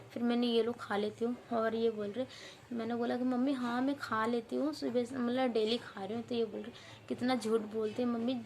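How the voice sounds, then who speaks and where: A young mother with a hoarse voice, tearfully vlogging about her sick baby. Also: fairly high pitch, a little hiss or hum. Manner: tearful, worried, talking softly to her baby. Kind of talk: emotional home vlog.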